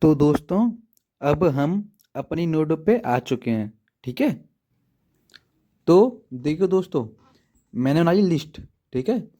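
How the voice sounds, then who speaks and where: Speaking slowly with frequent pauses, a man with a warm, fairly high and very animated voice teaches programming casually from home as he writes in a notebook. This coding teacher is chatty, keeps checking in with his viewers, makes jokes at his own expense, and often repeats "ठीक है दोस्तों."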